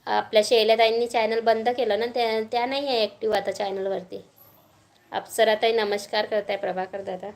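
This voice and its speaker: A woman's voice: fairly high pitch, little pitch movement, brisk, creaky. Chatty Marathi woman on a live stream. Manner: chatty, greets viewers by name, coaxes a small child. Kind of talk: casual live-stream chat reading viewer comments.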